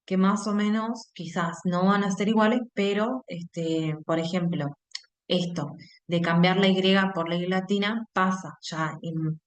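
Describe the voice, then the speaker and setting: A woman's voice: on the low side, fairly even intonation, measured pace. A woman with an Argentine Spanish accent teaching an online English class, explaining step by step and checking in with her students after nearly every phrase.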